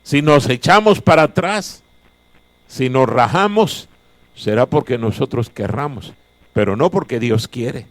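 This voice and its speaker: A man's voice: medium pitch, animated, unhurried, no room sound. A male pastor preaching a chapel sermon, emphatic and repeating his key phrases. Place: chapel of a Bible college.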